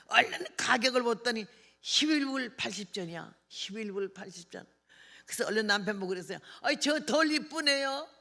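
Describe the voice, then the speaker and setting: A woman's voice: on the high side, animated, brisk, creaky, pushed and bright. An older woman preaching at a revival meeting, telling folksy anecdotes and acting out dialogue. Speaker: missionary preacher.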